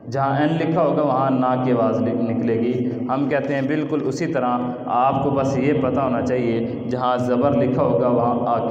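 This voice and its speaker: A man's voice: medium pitch, a little mellow. Male teacher addressing a class, muffled lo-fi sound with a roomy echo. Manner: explains patiently, asks the class questions. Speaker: Quran reading teacher. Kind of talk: classroom lesson. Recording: echoey hall, dull sound.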